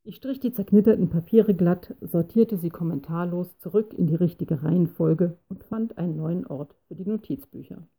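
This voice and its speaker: Female storyteller reading first-person narration, measured and steady, low gravelly voice with some huskiness.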